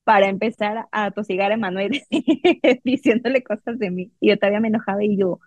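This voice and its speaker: Speaking fairly quickly in a medium-pitched voice, a woman from Mexico recounts her love story as a guest. She's casual and laughs a lot, frequently quoting both herself and other people. There's no echo.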